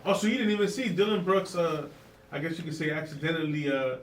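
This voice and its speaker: A man's voice: fairly high pitch, quick pace, roomy sound, distant mic, slight background noise. A man co-hosting a radio show, chatting easily about sports. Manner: easygoing, chatty sports talk. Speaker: radio co-host. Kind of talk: casual radio banter.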